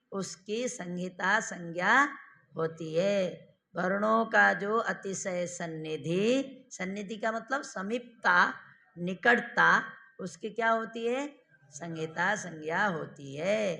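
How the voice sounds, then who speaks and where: A man teaching Sanskrit grammar in a lecture, quizzing his listeners with questions and repeating each definition slowly. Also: high-pitched, gravelly, pushed and bright. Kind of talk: classroom lecture.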